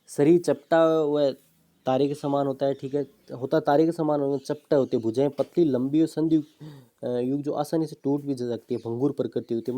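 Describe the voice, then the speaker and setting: A man's voice: mid-range voice, warm tone. A man teaching an exam-prep biology lesson, explaining step by step, repeating terms and asking himself questions. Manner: drops in fillers, "ठीक है" and "है ना".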